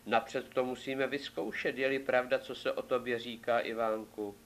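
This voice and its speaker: A man's voice: mid-range voice, fairly even intonation, a little hiss or hum, natural voice. A man voicing a fussy, greedy king in a fairy tale, coaxing and demanding by turns. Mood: wary.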